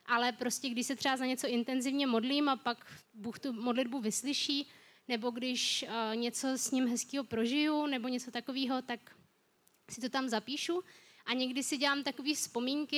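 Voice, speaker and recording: A young woman earnestly describing her prayer journal and gratitude to God. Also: on the high side. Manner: earnest, reflective. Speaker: youth group member sharing a testimony. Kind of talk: personal faith sharing.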